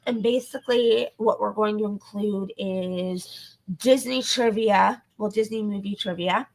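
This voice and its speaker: A woman co-hosting a podcast in casual chat, her voice going hoarse, talking with many ums and likes. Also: mid-range voice, measured pace, a little mellow, poor audio. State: losing her voice. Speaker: podcast co-host.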